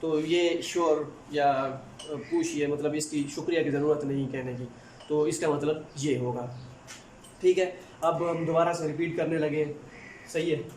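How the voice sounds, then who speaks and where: A man with a Pakistani Urdu accent teaching a recorded language lesson, patiently repeating each word slowly, recorded in an echoey room. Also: on the high side, steady tone, darkish tone. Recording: echoey room with faint noise.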